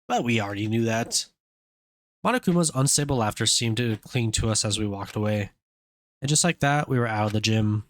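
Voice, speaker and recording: A man's voice: fairly low pitch, expressive, fairly quick, dry recording. A man doing a game playthrough, reading the dialogue theatrically with casual commentary. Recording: game music behind the voice. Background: game music and short character voice clips.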